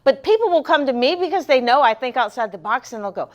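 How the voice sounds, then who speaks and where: A woman's voice: sits high, expressive, fast talker, lo-fi sound. A middle-aged woman vlogging to her viewers, telling personal stories in an earnest, heartfelt, chatty way with many restarts. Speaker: vlog host.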